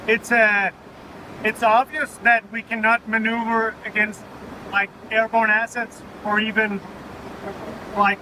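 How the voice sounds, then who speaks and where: A man's voice: high voice, little pitch movement, unhurried, pauses often. A man with a Danish accent explaining technical matters informally in an interview, matter-of-fact, as a pilot. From Denmark. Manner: matter-of-fact, often adding "right?" as a tag. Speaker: military pilot being interviewed. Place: inside an aircraft cockpit in flight. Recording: loud vehicle drone behind the voice. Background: aircraft engine and air noise.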